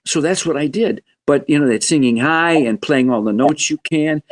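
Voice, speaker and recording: A man in his seventies, a guest musician telling stories in a podcast interview in an animated, joking way. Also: normal speed. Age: 70s. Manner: animated, joking, wide swings in pitch.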